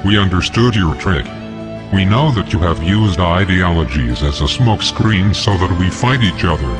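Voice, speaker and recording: A man speaking through a disguised deep, pitched-down voice, delivering a scripted manifesto in a defiant, declaiming manner. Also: expressive, moderate pace. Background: music.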